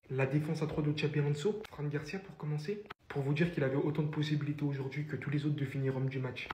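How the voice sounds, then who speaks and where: A man's voice: mid-range voice, a little mellow. Male football analyst, level intonation, scripted and emphatic, recorded in a reverberant room. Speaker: football commentator. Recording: echoey room, faint noise.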